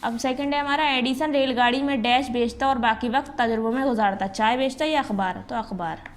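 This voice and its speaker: A woman's voice: on the high side, brisk. A woman teacher going through a school lesson step by step, asking the class questions and answering them herself. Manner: patient, explains step by step and asks the class questions.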